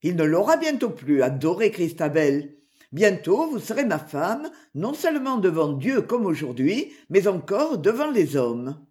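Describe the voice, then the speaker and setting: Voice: mid-range voice, big pitch swings, a little slow, a little mellow. A reader voicing a young, ardent knight speaking solemn, devoted declarations in an audiobook. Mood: tender. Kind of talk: audiobook character reading.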